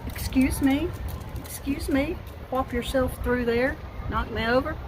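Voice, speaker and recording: At home, an American woman in her fifties who vlogs thrift hauls chats about her finds, rambling and restarting again and again. She speaks in a high voice, a little slowly, over a noisy background.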